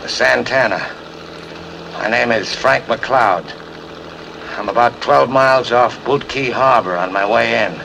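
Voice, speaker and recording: Hurt boat captain on a marine radio call, slow, repeating call signs, heavy engine noise. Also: male voice, medium pitch, gravelly. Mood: urgent. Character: injured man radioing for help from a boat. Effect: marine radio transmission. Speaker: boat skipper calling harbor. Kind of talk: 1940s film dialogue. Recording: old film audio, loud boat engine noise.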